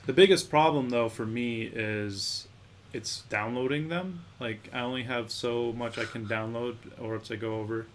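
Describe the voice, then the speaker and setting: A young man in his twenties co-hosting a podcast, talking in a relaxed, offhand way and often trailing off. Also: medium pitch, moderate pace, a little hiss or hum. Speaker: podcast co-host. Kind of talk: casual chat.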